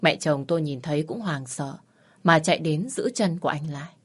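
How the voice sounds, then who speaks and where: A woman reading a romance story aloud in a steady, measured first-person narration. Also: low-pitched, slightly rough. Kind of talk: audiobook narration.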